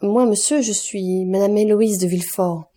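A woman's voice: mid-range voice, normal speed, dark tone, close to an everyday voice. A woman reading an anxious noble mother. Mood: effusive. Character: distraught aristocratic young mother, effusive and anxious.

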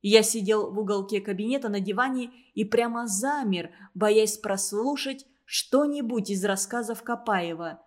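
A woman narrating a storybook in a measured, expressive reading. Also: mid-range voice.

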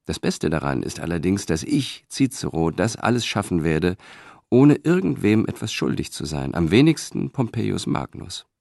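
A man's voice: sits low, very animated, moderate pace, vocal fry, darkish tone, no room sound, clean studio sound, full character voice. A man reading an audiobook, voicing a proud, ambitious middle-aged Roman senator who speaks with confident, declaiming force.

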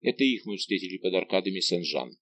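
A man's voice: low-pitched, animated, fast talker, fairly bright tone, a little hiss or hum. A man reading a passionate royal minister. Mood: impassioned. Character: proud, passionate male minister.

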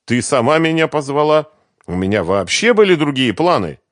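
A man voicing a dim, bewildered young bass guitarist who talks in a plaintive, puzzled way in an audiobook. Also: very animated, moderate pace, dry recording, studio quality.

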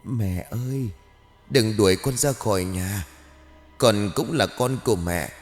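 A man voicing the ghost of a dead child in an audio ghost story, with a thin, drawn-out, wailing call. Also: on the low side, big-room sound, soft background music, natural voice. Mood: pleading. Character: ghostly dead child crying for his mother.

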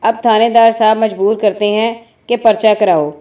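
A defiant, sharp-tongued wife snaps and scolds in a dark, mellow storybook voice, as a woman narrator plays her. Her talk is blunt and indignant. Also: fairly high pitch, steady tone, lightly acted. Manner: snappy, scolding.

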